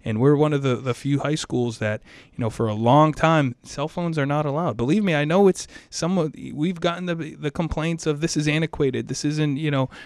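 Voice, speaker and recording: A middle-aged man, speaking as a high school administrator in an interview, energetic and passionate, often repeating himself. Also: moderate pace, no room sound. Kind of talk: interview answers.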